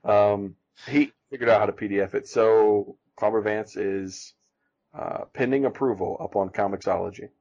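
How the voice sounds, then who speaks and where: A man co-hosting a casual podcast, talking in halting, self-deprecating stops and restarts. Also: fairly low pitch, steady tone, a little mellow. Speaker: podcast co-host and comic artist. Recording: dull lo-fi sound.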